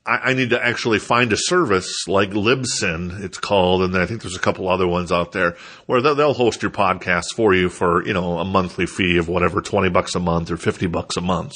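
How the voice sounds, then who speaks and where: Hosting a podcast on his own, this Minnesota man rambles in a casual, self-deprecating way while clearly stuffed up. He has a deep voice with a fairly bright tone.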